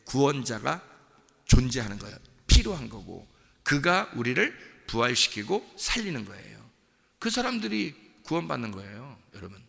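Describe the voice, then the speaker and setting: Animated, gravelly male preacher. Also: big-room sound. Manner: emotive preaching, swings from low murmurs to loud cries. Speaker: pastor. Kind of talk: dawn sermon.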